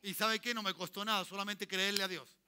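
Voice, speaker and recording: This pastor's voice is high-pitched, steady, brisk, bright, forceful and smooth. With a Chilean accent, he preaches in church, checks in with the congregation, and drives call-and-response by telling listeners to repeat.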